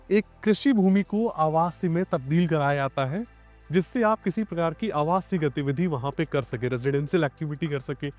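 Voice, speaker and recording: A man's voice: on the high side, a little mellow. A man with a Lucknow Hindi accent hosting an outdoor walkthrough of a property site, explaining to viewers and questioning a guest. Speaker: property video host.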